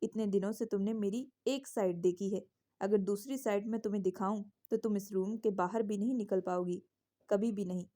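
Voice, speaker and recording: A woman voicing a possessive, commanding young man who speaks low and teasingly to his partner. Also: steady tone, normal speed, warm tone, close to an everyday voice. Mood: warning.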